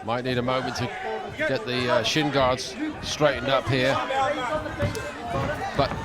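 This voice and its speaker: A man giving live combat sport commentary as lead commentator, speaking in a measured, questioning way. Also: mid-range voice, steady tone. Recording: loud music and crowd noise behind. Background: arena crowd and loud music.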